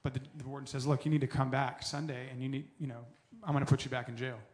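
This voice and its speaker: A man in his forties giving an earnest personal recovery testimony, often dropping soft and low as he tells his story. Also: little pitch movement, quick pace.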